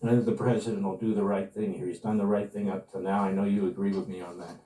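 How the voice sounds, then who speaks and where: A man's voice: on the low side, level tone, fast, mellow. A man hosting a broadcast news interview show. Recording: roomy distant sound, music behind.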